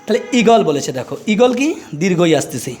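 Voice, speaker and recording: High-voiced teacher quizzing students. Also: male voice, sing-song, fairly quick, darkish tone. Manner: explains step by step with repeated quiz questions. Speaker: English teacher. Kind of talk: grammar lesson explaining articles.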